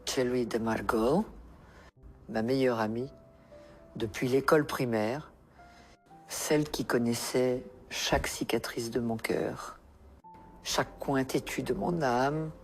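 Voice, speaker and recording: A woman narrating a first-person life story in a measured, reflective way. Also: very deep voice, fairly even intonation, a little mellow, faint music behind.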